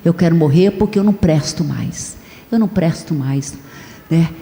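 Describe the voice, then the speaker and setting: A woman's voice: low-pitched, normal speed, mellow, reverberant, big-room sound. Woman acting a despairing wounded young soldier. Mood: pleading. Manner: pleading, repetitive.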